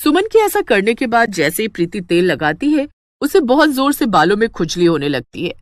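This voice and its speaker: Female storybook narrator for a cartoon, animated delivery, dry recording. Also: medium pitch, moderate pace, dry recording. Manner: expressive, lively storytelling.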